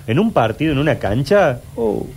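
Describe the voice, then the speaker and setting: A man's voice: medium pitch, lively intonation, fast, a little mellow, a little hiss or hum. A man, a sports announcer and host who tells jokes and anecdotes in casual talk. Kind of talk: casual radio banter.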